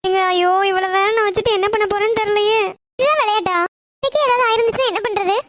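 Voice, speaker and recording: A woman voicing an anxious, tearful young woman in an animated love story, talking in a fretful, pleading way. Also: very high voice, quick pace, no echo, clean studio sound. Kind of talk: cartoon voice acting.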